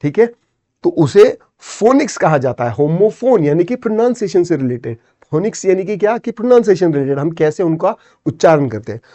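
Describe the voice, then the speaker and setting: A man with an Indian English accent teaching a lesson in a slightly higher voice. He goes step by step, repeats each term and keeps checking that his students follow. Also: big pitch swings, fairly quick, mellow. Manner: explains step by step, repeats terms, many "theek hai" checks. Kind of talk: exam-prep lesson.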